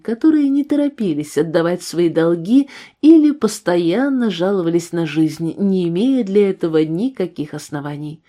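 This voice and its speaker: A woman narrating a religious story in a steady, measured reading. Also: fairly low pitch.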